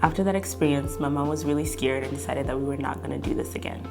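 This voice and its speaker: A woman's voice: extremely low pitch, fairly even intonation, fast, creaky, music in the background. A young woman from Kenya, telling her story in a documentary interview, reflective and full of fillers. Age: young adult.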